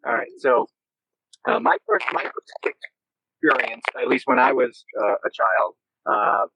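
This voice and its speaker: Man, gravelly voice, lively up-and-down pitch, choppy breaking-up video call, dull lo-fi sound. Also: a little slow, no echo. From Massachusetts. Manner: storytelling with frequent "uh" fillers. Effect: choppy, breaking-up video call connection. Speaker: guest paranormal investigator. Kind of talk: casual interview answers.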